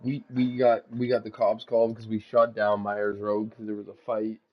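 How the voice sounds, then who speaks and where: A man's voice: lowish voice, completely flat delivery, moderate pace. A young man from Ontario, Canada, chatting over a phone mic while gaming, telling rambling, profane stories that he keeps restarting. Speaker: gamer chatting with a friend. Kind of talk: casual gaming chat, storytelling. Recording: dull lo-fi voice chat.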